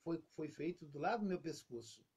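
A newborn baby boy wonders naively about the world around him, voiced by a man in a fairly high register. He sounds puzzled and curious, as if thinking out loud. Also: lively intonation, brisk, slightly rough. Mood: wondering.

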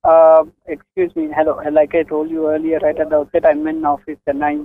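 Over a tinny, narrow phone line, a man with a fairly high, monotone voice talks a little fast from an office. He's the victim of a prank call, hesitantly and politely protesting and repeating himself as he tries to explain.

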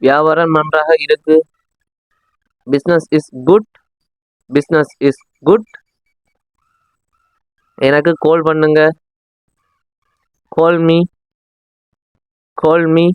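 A man with a Tamil accent teaching simple English sentences, saying each one slowly twice so learners can repeat. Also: a little high, little pitch movement, clear, resonant tone, no room sound. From South India. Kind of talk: slow, deliberate English lesson with repetition. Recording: dull lo-fi sound.

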